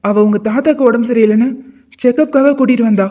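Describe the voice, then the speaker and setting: A man voicing an irritated young husband in an animated drama, curt and dismissive. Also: very high voice, fast talker. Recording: tinny phone-like sound.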